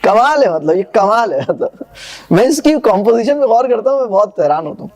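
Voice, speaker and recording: A man giving a lecture on classical poetry. He recites verses slowly and solemnly, then explains them in quick, conversational asides and checks whether his listeners follow. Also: high-pitched, big pitch swings, darkish tone. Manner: asks listeners whether the point is clear.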